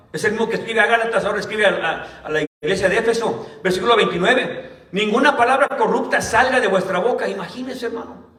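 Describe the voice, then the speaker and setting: A male pastor preaching a Sunday sermon. He keeps calling the listeners "brother" and reads the scripture slowly and deliberately. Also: sits high, fairly bright tone. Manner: tells personal stories in a plain conversational way. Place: church hall. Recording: roomy church hall, mic at a distance.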